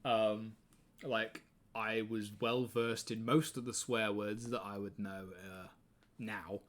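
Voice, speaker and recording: A man's voice: fairly low pitch, flat delivery, slow pace, fairly bright tone. A man in his twenties with an English accent, hosting a live stream in casual chat, rambling, swearing freely and laughing often. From England. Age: 20s.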